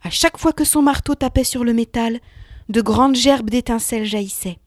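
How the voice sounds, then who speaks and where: A woman narrating a children's myth story in an expressive reading voice that sinks to a hush in tense moments. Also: on the high side, moderate pace, no room sound, clean studio sound.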